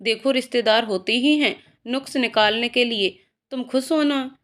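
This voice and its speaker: A woman's voice: on the high side, moderate pace, fairly bright tone, natural voice. A woman voicing a playful, loving young male professor in a told story, teasing and coaxing. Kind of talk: storytelling voices.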